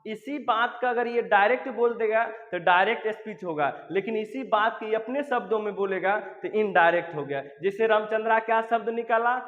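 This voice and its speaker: A man teaches an English grammar class, repeatedly drilling points, reminding students to remember them and affectionately calling them dear ones. His high voice moves at a moderate pace with barely a pause. The audio sounds like a phone line in a large room.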